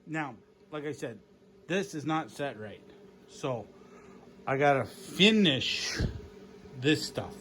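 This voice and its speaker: A man talks through an engine job in a loose, jokey ramble, swearing now and then. His voice sits a bit higher than most men's. A faint hiss of background noise runs under the camera mic. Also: animated, takes it slowly, long pauses, fairly bright tone. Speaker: mechanic vlogger. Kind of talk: casual workshop vlog.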